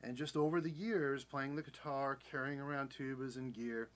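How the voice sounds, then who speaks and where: A man's voice: medium pitch, fairly even intonation, normal speed. American male vlogger, forties, mid-range voice, candid and rambling personal account. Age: 40s. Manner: rambling, candid, self-correcting. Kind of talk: casual personal storytelling.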